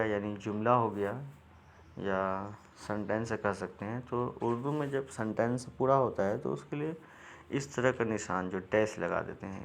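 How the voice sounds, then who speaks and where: A man's voice: lowish voice, creaky, fairly bright tone, slight background noise. A man, teaching a reading lesson step by step in a patient, repetitive way. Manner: patient, repetitive, frequent restarts.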